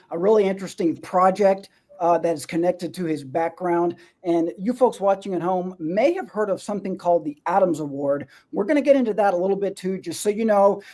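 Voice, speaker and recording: A man's voice: high-pitched, dark tone. A man co-hosting a show, explaining things at length in a rambling way with many fillers. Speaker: co-host.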